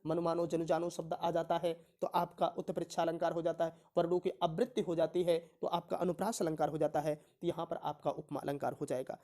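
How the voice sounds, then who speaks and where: A woman teaching an exam-prep Hindi lesson, reading verses slowly and then explaining them, often asking herself a question and answering it. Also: low-pitched, little pitch movement, dark tone. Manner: recites verse slowly with rising emphasis, then explains in plain terms.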